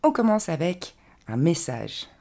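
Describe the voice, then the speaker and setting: Female pronunciation teacher, deep and gravelly, lively intonation, patient and methodical. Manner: clear, patient instruction with slow, careful demonstration of English words. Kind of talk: French-language pronunciation lesson.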